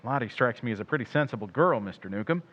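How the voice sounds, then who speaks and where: A man's voice: mid-range voice, animated, fast talker, a bit bright, husky, dull audio. A man playing a confident, probing crime photographer sleuth in an old-time radio drama. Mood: probing, accusing.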